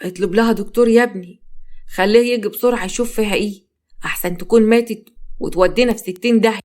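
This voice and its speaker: A woman's voice: medium pitch, fast talker, a little mellow, lightly acted. A woman narrator voicing an anxious older father with an Egyptian accent. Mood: worried. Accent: Egyptian Arabic. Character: worried selfish older father.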